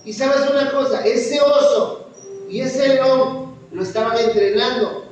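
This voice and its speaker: A Mexican man preaching with passion, his voice pitched very high and asking question after question. He sounds far from the mic, with long reverb filling a big room. The sound is dull and muffled. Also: a little slow, slight background noise. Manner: impassioned preaching with repeated rhetorical questions. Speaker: pastor. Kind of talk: sermon. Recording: echoey hall, distant mic, dull sound.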